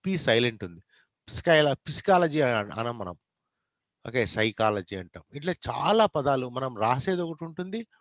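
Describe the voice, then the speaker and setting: A man's voice: on the high side, no echo. A man with a Telugu accent lecturing an online class, mixing Telugu and English, questioning students and spelling words out letter by letter.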